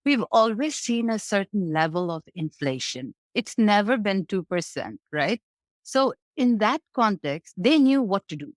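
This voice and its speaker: A woman's voice: mid-range voice, very animated, measured pace, no room sound, studio quality. A woman from Bangladesh, a guest analyst explaining the economy in a conversational interview, often checking in with "right?". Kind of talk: interview answers on markets.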